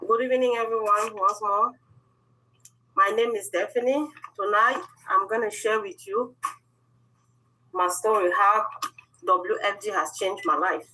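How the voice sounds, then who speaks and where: A woman's voice: mid-range voice, bright, forceful tone, low-quality recording. A middle-aged woman from Cameroon sharing her life story earnestly on a video call. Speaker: guest speaker. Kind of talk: personal testimony on a video call.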